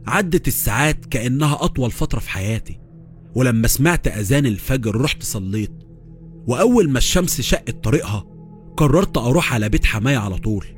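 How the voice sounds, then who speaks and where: A man with an Egyptian accent narrating a first-person horror story, brisk and tense. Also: mid-range voice, animated. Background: faint music.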